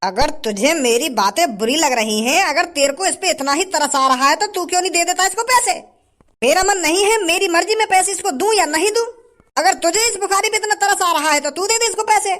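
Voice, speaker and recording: A stingy male shopkeeper from a cartoon comedy, as a woman puts him on, growling out rude, scornful scolding. The voice is pushed lower than the performer's own but still sits very high, with a quick, dismissive bark to it. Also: fairly bright tone. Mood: defiant.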